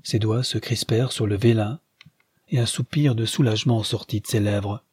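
Low husky male audiobook narrator. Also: steady tone, normal speed, darkish tone, no room sound.

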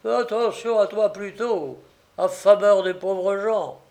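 A man voicing a gruff, defiant poor woodsman who shouts threats in a read-aloud story. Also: high voice, slow, voice pushed up. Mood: bitter. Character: gruff, furious poor old Polish woodsman.

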